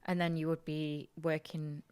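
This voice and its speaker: A woman's voice: low-pitched, level tone, a little slow, a little mellow, smooth. A woman co-hosting a podcast, explaining things in a chatty storytelling way. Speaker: podcast co-host. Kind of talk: casual chat.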